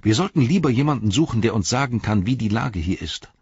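A man voicing a brisk, confident young male hobbit who talks boldly and cheekily. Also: medium pitch, lively intonation, darkish tone, breathy edge, no room sound, muffled recording, voice pushed up. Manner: bold, cheeky.

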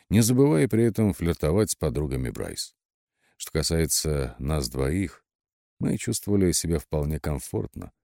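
A man narrating a first-person audiobook in an expressive storytelling manner. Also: sits low, dry recording, clean studio sound.

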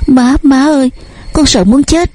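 A woman's voice: high voice, a little slow, darkish tone, no echo, voice pushed up. A woman voicing a frightened, tearful young daughter who pleads with her mother. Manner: pleading, sobbing.

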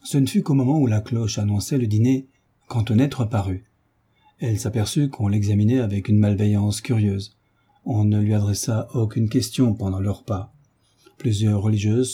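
A man reading a novel aloud in a measured, even narration with a husky voice. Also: on the low side. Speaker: audiobook reader. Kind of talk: scripted narration.

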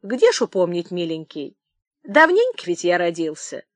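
Cheeky old tramp, slow and teasing, read by a woman. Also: fairly low pitch, huge pitch swings, dry recording. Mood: sly. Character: old wandering man, sly, bold.

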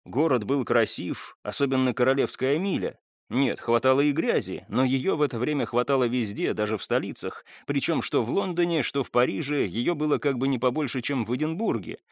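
A man narrating an audiobook chapter in a measured, wry storytelling manner with occasional casual asides. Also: mid-range voice, expressive, no room sound, studio quality. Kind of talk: scripted narration of a historical novel.

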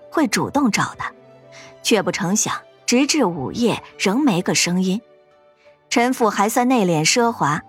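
Breathy, expressive woman storyteller. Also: fairly high pitch. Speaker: narrator. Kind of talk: storytelling narration.

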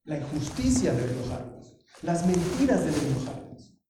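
A pastor delivers a lively sermon, swinging from quiet asides to sudden loud emphasis. His voice sits slightly high for a man. It is picked up from a distance in a very reverberant hall, with clear noise underneath. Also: normal speed. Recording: very echoey hall, heard from afar with clear noise.

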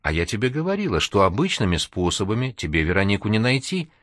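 A man's voice: lowish voice, very animated, fast, a bit bright, no room sound, clean studio sound. Man voicing a caring, encouraging young woman. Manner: soothing, encouraging. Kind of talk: audiobook character reading.

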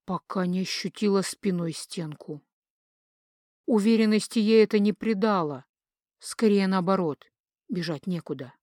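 Brief: female audiobook narrator, lively expressive read, middle pitch, dry close recording. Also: dry recording. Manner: expressive, lively storytelling intonation. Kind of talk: scripted narration.

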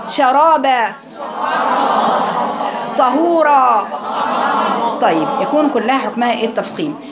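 A woman with an Egyptian accent teaching Quran recitation to a class, quizzing her students and modelling words slowly. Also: fairly high pitch. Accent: Egyptian Arabic. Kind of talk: classroom lesson. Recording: crowd noise behind.

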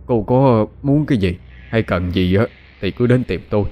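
A man's voice: on the low side, normal speed, warm tone, natural voice. A man with a Southern Vietnamese accent voicing a kind middle-aged village husband, speaking humbly and earnestly with hesitant fillers.

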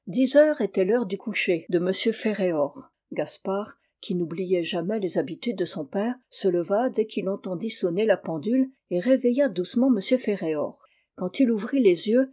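A woman reading a classic novel aloud as an audiobook, voicing the characters' dialogue in turn. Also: warm tone. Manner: acts out dialogue, raising her voice for the young wife and lowering it for the husband. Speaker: audiobook reader. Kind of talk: scripted narration of a classic novel.

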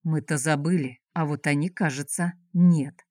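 A woman voicing a calm, grave male leader who speaks quietly and firmly. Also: sits low, normal speed, no room sound, clean studio sound. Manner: quiet, firm.

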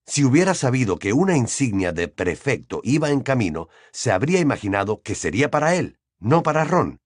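Man narrating a storybook, lively voice. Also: medium pitch, brisk, dry recording, clean studio sound. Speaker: audiobook narrator. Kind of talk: scripted narration.

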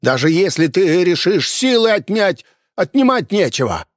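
A man voicing a bitter, stubborn innkeeper who shouts in anger and whose voice cracks high. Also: lively intonation, a little slow, no room sound, studio quality. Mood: furious. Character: furious desperate male innkeeper, bitter and stubborn. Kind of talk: audiobook character voice.

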